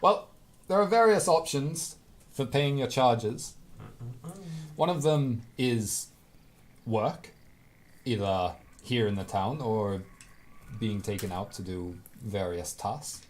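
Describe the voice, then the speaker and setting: A man's voice: mid-range voice, slow pace, long pauses, natural voice. A man playing a smug, formally courteous male jailer in a tabletop role-play game. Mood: businesslike. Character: smirking, courteous male jailer, officious and accommodating. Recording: background noise at live table.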